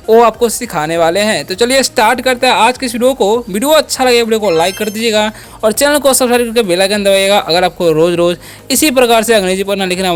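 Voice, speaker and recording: A man's voice: high-pitched, fairly bright tone. A man teaching English pronunciation, who spells words out letter by letter and asks and answers his own questions. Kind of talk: spoken English lesson.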